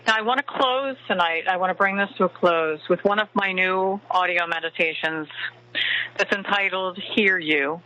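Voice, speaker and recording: A man giving a slow inspirational talk in the style of a guided meditation, with deliberate, spaced phrasing and pauses. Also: high-pitched, bright, forceful tone, rough recording. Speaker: spiritual teacher and meditation host.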